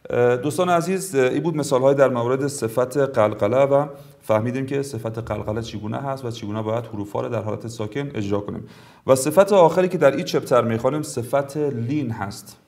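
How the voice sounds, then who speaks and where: Afghan Dari-accented man of middle age, courteous tajweed teacher, medium pitch, stretches each example word out slowly. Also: darkish tone. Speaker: Quran recitation teacher. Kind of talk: tajweed lesson with slow recited examples.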